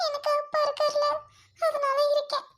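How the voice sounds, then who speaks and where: A gentle, caring young woman in a home-made drama, voiced by a woman. She speaks softly and soothingly, in a very high voice. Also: monotone, normal speed. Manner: soft, soothing, apologetic.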